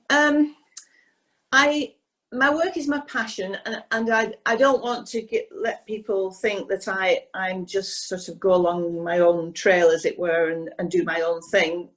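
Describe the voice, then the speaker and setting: A woman, an equestrian painter, talks hesitantly with many pauses and restarts in a video call interview, her voice slightly hoarse. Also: mid-range voice, steady tone, poor audio.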